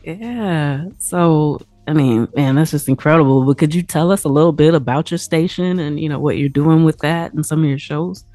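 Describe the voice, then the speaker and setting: A woman's voice: deep voice, moderate pace, few pauses, mellow, no echo, soft background music. A woman hosting an interview, encouraging her guest and asking questions. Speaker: podcast host. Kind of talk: casual interview conversation.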